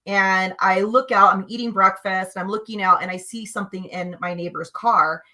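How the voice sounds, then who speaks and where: A woman guest telling personal spiritual stories in an animated, emphatic way, swinging between hushed and loud. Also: medium pitch, moderate pace. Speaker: guest sharing spiritual experiences. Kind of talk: conversational storytelling.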